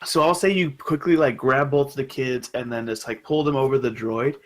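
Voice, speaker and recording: A young man narrating as game master in a casual, halting way with lots of fillers. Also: mid-range voice, steady tone, a bit bright, poor audio.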